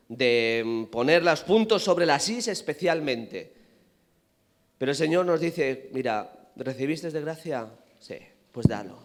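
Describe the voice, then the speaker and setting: A man with a Spanish accent from Spain preaching a sermon, building to loud emphatic peaks and questioning the congregation. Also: on the high side. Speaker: pastor. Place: church hall. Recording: reverberant hall.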